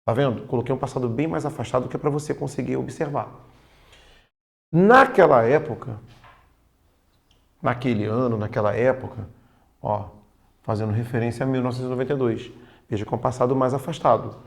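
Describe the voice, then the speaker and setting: A man with a Brazilian accent teaching a casual online grammar lesson for exam prep, often slowing down to stress key points. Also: medium pitch, gravelly. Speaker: Portuguese teacher.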